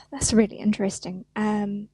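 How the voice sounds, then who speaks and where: A middle-aged woman with a South African accent, a fascia therapist, chats on a casual podcast, self-deprecating and playing out little voices. Her medium-pitched voice is warm with a breathy edge, delivered flatly and unhurried, with no echo.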